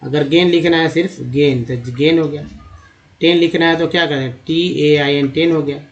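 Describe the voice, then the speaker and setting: A man's voice: a little high, fairly even intonation, normal speed. A man teaching how to read English, spelling out letters and sounding out words, and calling his viewers friends. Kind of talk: spoken phonics lesson. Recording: dull lo-fi voice recording.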